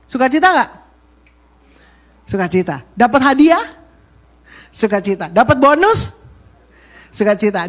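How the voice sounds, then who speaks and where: A woman pastor delivers a lively sermon to her congregation. She drops into little acted-out voices for the people she quotes, then comes back to her own voice to ask for amens. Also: sits high.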